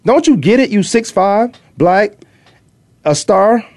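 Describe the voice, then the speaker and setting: A man's voice: high-pitched, expressive, takes it slowly, a little mellow, no echo. A middle-aged man from Virginia hosting casual sports talk, opinionated and rambling, repeating himself for emphasis. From Virginia, US East Coast. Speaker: sports talk show host, former pro defensive back.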